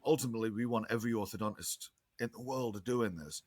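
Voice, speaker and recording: A man's voice: fairly low pitch, quick pace, a little mellow, no room sound. A man with a slight lisp, a nonprofit guest on a podcast, explaining earnestly and restarting his sentences often. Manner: earnest, talkative, many restarts. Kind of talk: podcast interview, casual explaining.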